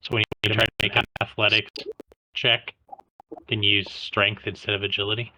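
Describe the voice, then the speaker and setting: A man's voice: lowish voice, little pitch movement, normal speed, bright, forceful tone, a little hiss or hum, poor audio. A man taking part in a tabletop game as a player, talking casually.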